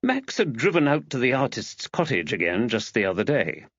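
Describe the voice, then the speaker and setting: Here a man narrates a literary audiobook with measured expressiveness, his mid-range pitch wandering widely. The audio is dry, somewhat dull, slightly rough, and free of any room sound.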